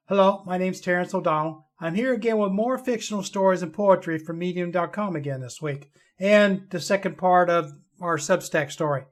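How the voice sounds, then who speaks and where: A man with a notably high voice presents a storytelling podcast. He speaks as both host and reader, moving between introductions and short fiction. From Ireland or Irish descent.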